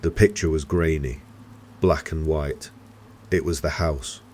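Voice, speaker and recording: A man with an extremely deep voice narrates a scripted horror story. He tells it slowly and gravely, like a storyteller. A faint ambient hum sits behind him. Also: steady tone, a little mellow.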